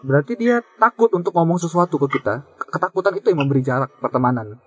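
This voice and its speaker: A man's voice: a little high, sing-song, quick pace, breathy edge, dull audio. A man hosting a casual podcast chat, musing aloud and explaining his thoughts with small restarts. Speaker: podcast host.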